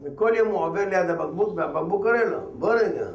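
A man telling a long comic folk tale, acting out the characters in quick high voices and laughing along. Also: gravelly, far from the mic. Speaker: joke teller. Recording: roomy, from off-mic, faint ambience.

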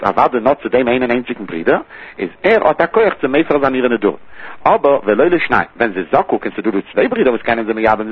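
A man's voice: medium pitch, slightly rough. A man teaching a traditional religious text study lesson in a sing-song study cadence, repeating key terms as he works through the passage. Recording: tinny phone-line recording.

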